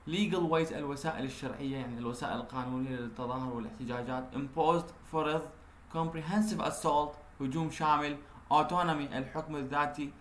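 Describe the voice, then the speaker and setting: Male university lecturer, fairly high voice, slow careful reading, echoey room, faint hiss. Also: fairly even intonation, a bit bright. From Iraq. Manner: reads English slowly, then explains in Arabic. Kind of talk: recorded lecture.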